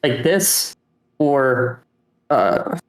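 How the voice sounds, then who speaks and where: A man co-hosting a podcast, chatting casually in a hesitant, halting way. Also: mid-range voice, lively intonation. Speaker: podcast co-host. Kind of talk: casual chat. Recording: echoey room sound.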